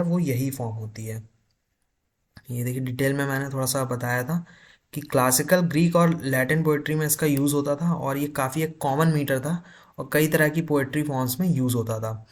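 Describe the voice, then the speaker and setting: A man teaching literature for an exam, explaining in Hindi with terms and reading notes slowly. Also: mid-range voice, steady tone. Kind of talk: exam-prep lecture.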